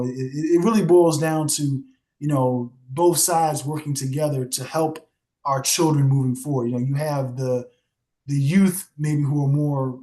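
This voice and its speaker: A man's voice: mid-range voice, dark tone. A young man, a guest author, talking earnestly in a casual podcast conversation, leaning on many fillers and restarts. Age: young adult.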